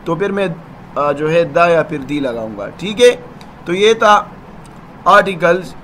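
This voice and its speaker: Male English teacher, slow and high-pitched, patient explainer, light traffic noise. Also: lively intonation, fairly bright tone. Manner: patient, repeats "ठीक है ना?" to check understanding. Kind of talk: explaining grammar lesson.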